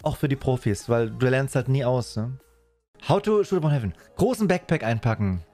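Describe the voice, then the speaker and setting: A man's voice: mid-range voice, expressive, normal speed, dark tone. Casual male game streamer, faint music. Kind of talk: casual live gaming chat. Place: small indoor streaming room.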